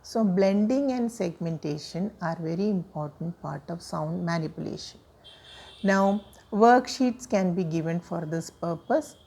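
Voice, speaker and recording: A woman, giving a measured lecture on teaching reading, explaining step by step with frequent fillers. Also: lowish voice, expressive, creaky, mellow. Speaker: teacher trainer.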